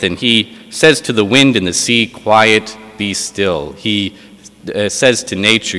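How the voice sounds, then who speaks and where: A priest with a somewhat low voice reads the gospel and then preaches, pausing on filler sounds as he gathers his thoughts. His words hang in the long echo of a large church. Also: a bit bright. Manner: measured reading, then unscripted preaching with frequent uh fillers. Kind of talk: gospel reading and homily.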